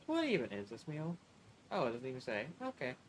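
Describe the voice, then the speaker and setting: A man's voice: medium pitch, wildly swooping pitch, brisk, a little hiss or hum. A man streaming live, chatting casually and rambling, swearing freely and drawing out his words.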